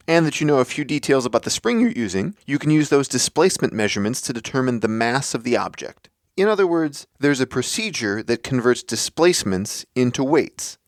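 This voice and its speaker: A man hosting a podcast, delivering a scripted explanatory monologue in a measured, deliberate way. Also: medium pitch, dry recording, clean studio sound. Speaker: podcast host.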